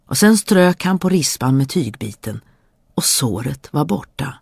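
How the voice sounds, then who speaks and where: Gravelly storybook narrator, dry close sound. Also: mid-range voice, dry recording. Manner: steady fairy-tale narration. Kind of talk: storybook reading.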